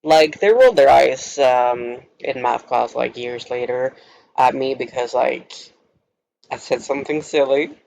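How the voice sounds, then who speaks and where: Giggly young man with a gravelly voice. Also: medium pitch, measured pace, darkish tone, no echo, low-quality recording. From Norway. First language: Norwegian. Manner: giggly, rambling, heavy on filler words. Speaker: vlogger. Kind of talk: casual storytime monologue.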